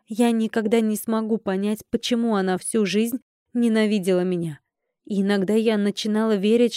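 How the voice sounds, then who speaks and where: A woman narrating an audiobook in the first person, in an even, measured storytelling manner. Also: mid-range voice, no echo, studio quality.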